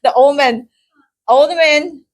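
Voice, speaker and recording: In a speaking club, a halting middle-aged Taiwanese woman relates a personal story, repeating words and restarting many times. She laughs often, her voice climbing high and loud when excitement takes over.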